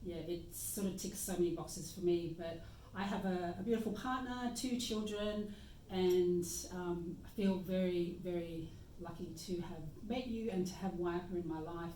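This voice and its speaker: A lower-voiced Australian woman with a mellow, soft tone talks reflectively and unhurriedly. She sits back from the mic, and the room gives her voice a noticeable echo. A faint background hiss runs underneath. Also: normal speed, few pauses. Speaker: guest practitioner. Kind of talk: casual conversation. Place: meeting room indoors. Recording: echoey room, mic at a distance.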